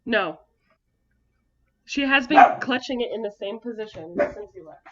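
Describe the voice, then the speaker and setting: A woman running a tabletop role-playing game, narrating scenes and calmly guiding the players through the rules. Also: medium pitch, unhurried, muffled recording. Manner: calm, guiding, descriptive narration. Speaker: game master.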